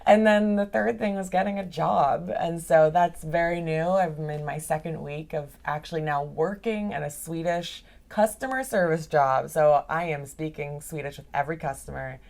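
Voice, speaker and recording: On a video call, a young woman guesting on a podcast keeps up a casual, chatty interview, laughing frequently and using "like" as filler. She has a deep, creaky, somewhat mellow voice, a moderate pace, and few pauses.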